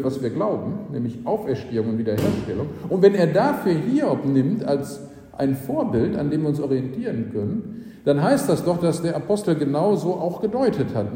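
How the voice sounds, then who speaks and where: A man's voice: fairly high pitch, warm tone. A man preaching a sermon, explaining scripture and often asking rhetorical "nicht?" checks of his listeners. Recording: roomy hall with long reverb.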